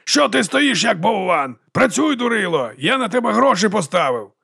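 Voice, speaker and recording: A man voicing a loud, hot-tempered male gambler who yells at a boxer, his voice pushed high and strained. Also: big pitch swings, moderate pace, gravelly, slightly rough, no room sound, studio quality, full character voice. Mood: angry yelling. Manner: shouting, scolding, high-pitched.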